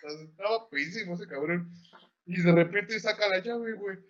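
A young man with a Mexican Spanish accent tells a rowdy story in casual chat, swearing freely and piling on slang. His voice sits a little high. The recording sounds muffled and lo-fi. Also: normal speed, a bit bright. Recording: dull lo-fi sound.

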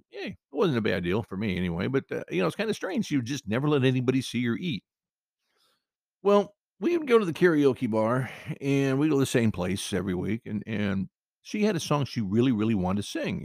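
A man's voice: mid-range voice, vocal fry, a little mellow, no echo, clean studio sound. A man hosting a podcast, telling a personal story in a rambling, conversational way with frequent restarts.

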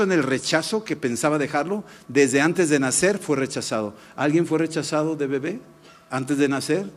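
A middle-aged man with a Mexican Spanish accent, preaching a sermon and telling a personal story in a lively, emphatic way. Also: on the high side. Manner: lively, shifts between animated anecdote and slow emphatic teaching. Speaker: pastor.

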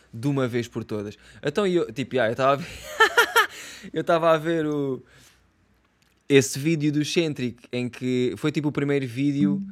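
A young man with a European Portuguese accent, ranting casually in slangy, swear-filled talk with lots of fillers. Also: mid-range voice. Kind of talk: casual rant.

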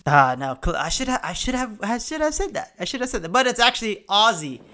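A boisterous man hosting a party podcast as its hype man. His voice is clear and smooth, and he talks in hyped slang, often repeating himself and swearing freely. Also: high voice, very animated, fast, sharp tone.

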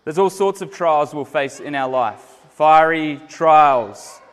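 A man preaching a sermon in an earnest, emphatic way, swelling louder on key phrases and then dropping soft. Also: on the high side, takes it slowly, smooth. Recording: echoey hall with long reverb.

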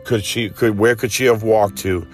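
A man's voice: on the low side, steady tone, moderate pace, faint music behind. A man preacher telling a vivid second-person story in a sermon, acting out urgent cries as it builds.

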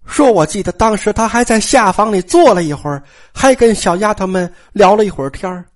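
A storyteller voicing a careful young female servant who speaks low and measured. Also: lively intonation, natural voice.

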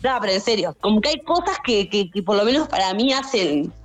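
A woman's voice: brisk, faint music behind. A young woman, telling funny stories in a casual podcast chat. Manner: animated, acts out customers in high shouted voices. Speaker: guest storyteller, stand-up comic.

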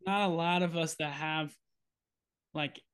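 A young man co-hosting a podcast in relaxed casual chat, talking with many fillers and laughing easily. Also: fairly high pitch, unhurried, smooth. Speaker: podcast co-host.

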